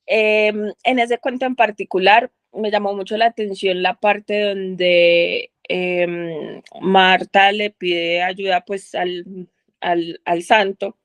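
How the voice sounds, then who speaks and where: At a book club, a woman thinks out loud in a rambling way, full of fillers and restarts, as part of a casual group discussion. Her voice is medium in pitch and steady, her pace slow, and there's no room sound.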